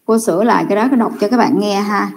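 A young adult woman teaching an online class, correcting students' answers with patient, drawn-out explanations over a computer mic. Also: medium pitch, creaky.

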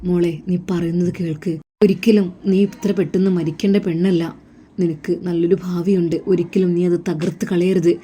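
Lady doing a worried teacher guy pleading, low mellow voice. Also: little pitch movement, moderate pace, slight background noise, close to an everyday voice. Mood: urgent. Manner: earnest, urgent pleading. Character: caring older man, a respected teacher, urging firmly.

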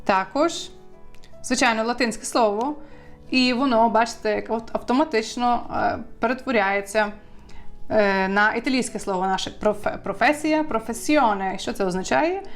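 Lively woman teacher, drills words slowly, faint music behind. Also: fairly high pitch. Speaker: Italian language teacher. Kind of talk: online language lesson.

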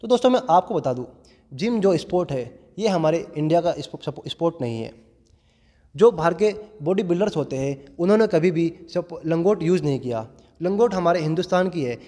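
This young man, a gym owner in his twenties, talks a little fast in a slightly high, warm and expressive voice as he sincerely explains fitness to viewers he treats as friends. He's in a large indoor gym, using a lapel mic held in hand, with the hall's long reverb audible.

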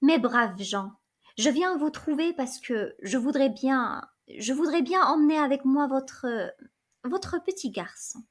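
A woman's voice: high-pitched, animated, unhurried. A woman voicing a spoiled young lady who pleads in a trembling, broken voice, in a storybook reading. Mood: pleading.

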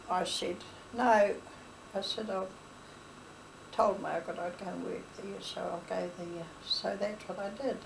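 A woman's voice: mid-range voice, gravelly. An older woman telling family stories in a rambling, chatty way, acting out old conversations. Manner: rambling, chatty, retells dialogue, laughs. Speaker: interviewee. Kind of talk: oral history storytelling. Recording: distant mic with faint hiss.

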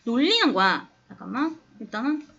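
A woman teacher's voice, high and bright, walks a class through an English passage. She coaxes the students and keeps checking whether they follow. The recording is dull and lo-fi, as if captured in the classroom. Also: very animated, brisk, gravelly. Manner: coaxing, keeps asking the class if they understand. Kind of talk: classroom lesson explaining an English text.

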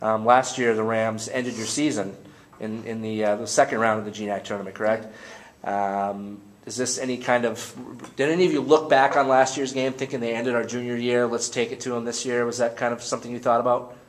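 A man's voice: medium pitch, flat delivery, a little fast. Man asking rambling postgame questions. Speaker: postgame interviewer. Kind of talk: postgame press conference questions. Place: press conference room.

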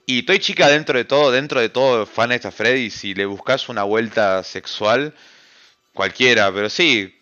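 A man's voice: medium pitch, bright, forceful tone, highs cut off. A young man with an Argentine accent, a streamer chatting casually with his chat, slangy and rambling, swearing often. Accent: Argentine Spanish. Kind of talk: casual chat reading a live chat. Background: background music.

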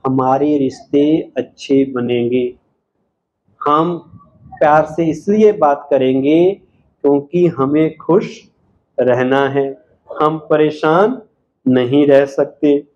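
Unhurried high-voiced man giving a spiritual talk. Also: darkish tone. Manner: asks the audience questions and answers them himself; unhurried, emphatic delivery. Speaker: spiritual speaker. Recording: slightly dull, lo-fi sound.

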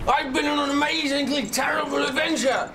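An actor playing a boisterous pirate captain who shouts, cackles and rambles in pirate talk. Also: male voice, very high voice, steady tone, brisk. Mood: rowdy. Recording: noisy amateur recording.

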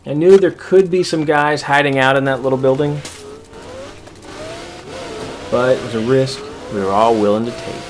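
A man's voice: mid-range voice, a little fast, slight background noise. Easygoing man commentating gameplay. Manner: easygoing, explains each move step by step. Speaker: host narrating a squad's match. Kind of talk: casual commentary over recorded gameplay.

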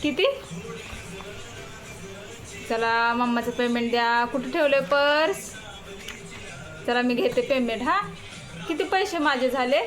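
A woman's voice: on the high side, takes it slowly, pauses often, a bit bright, soft background music. A young mother chatting with her little child in a casual family vlog, coaxing and teasing. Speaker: mother and vlogger.

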